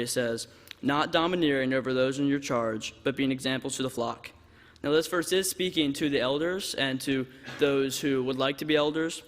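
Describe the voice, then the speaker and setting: A man giving a measured church devotional talk and asking his listeners rhetorical questions. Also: medium pitch. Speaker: devotional speaker. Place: church auditorium. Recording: long church hall reverb.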